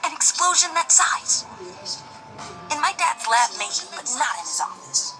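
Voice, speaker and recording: A grieving young woman in a video game, her voice a touch high and swinging widely as she pleads for answers. Game music plays under her. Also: very animated, measured pace. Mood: demanding. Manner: pleading, tearful intensity. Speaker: game character.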